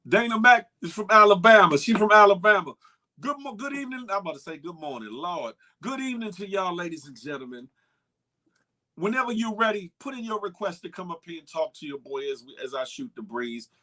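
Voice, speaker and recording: His voice sits high with big pitch swings, and he talks briskly. The man is hosting a relaxed live-stream talk show, animatedly calling out viewers and chatting loosely around repeated catchphrases.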